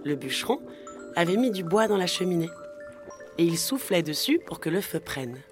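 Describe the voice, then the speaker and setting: A woman narrating a children's story in a gentle, measured way. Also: fairly low pitch, big pitch swings. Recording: music playing underneath.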